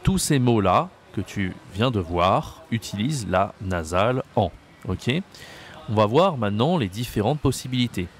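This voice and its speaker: A man teaching a video lesson on pronunciation, slow and patient, repeating words and checking that the listener follows. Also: on the low side, animated. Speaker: French teacher. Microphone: camera mic.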